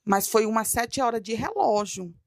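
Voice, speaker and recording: A woman with a gravelly, fairly high voice recounts a religious testimony with dramatic storytelling. She acts out her own pleading cries as she tells it. The sound is close and dry. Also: lively intonation, moderate pace, no room sound. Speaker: guest telling a testimony.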